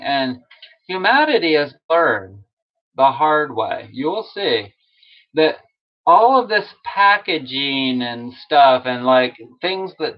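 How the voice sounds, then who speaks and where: A man from Utah chatting casually on a live stream, rambling from topic to topic and laughing at himself. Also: on the high side. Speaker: massage tool maker and live-stream host. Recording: dull lo-fi stream audio.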